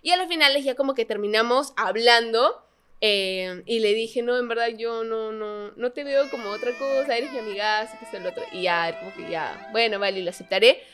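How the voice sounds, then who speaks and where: Lively young woman telling a story. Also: on the high side, fairly quick. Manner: animated, laughs while telling stories, acts out dialogue. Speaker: podcast co-host. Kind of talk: casual chat, storytelling.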